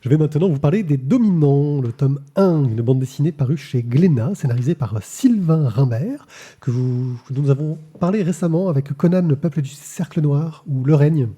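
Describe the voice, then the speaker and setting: A man's voice: on the high side, animated, moderate pace, warm tone, breathy edge. A man hosting a comics podcast, talking casually with lots of fillers and repeated words. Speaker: podcast host reviewing comics. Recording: live-streamed podcast.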